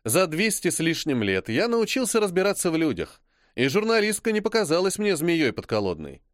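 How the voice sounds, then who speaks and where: Lively man narrating an audiobook. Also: on the high side, no echo, studio quality. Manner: calm, measured reading. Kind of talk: first-person novel narration.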